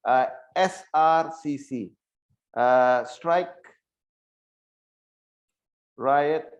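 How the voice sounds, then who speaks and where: A man's voice: on the high side, extremely slow, low-quality recording. A man teaching an online insurance training session, repeating key points and checking that listeners follow.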